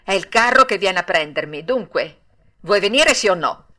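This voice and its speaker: A woman voicing a cocky, restless schoolboy friend who speaks briskly and emphatically in an audiobook. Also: mid-range voice, animated, bright, forceful tone. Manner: brisk, emphatic and sure of himself.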